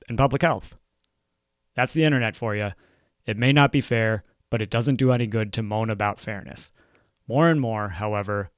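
A man, a dermatologist, reading aloud from his own book in a dry, wry and measured way. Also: mid-range voice, no echo.

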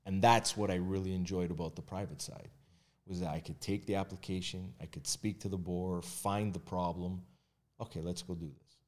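On a casual podcast, a mortgage agent and realtor guest with a very low voice talks things through at a brisk clip. He's candid and relaxed, often restarting sentences and filling gaps with "uh" and "you know."

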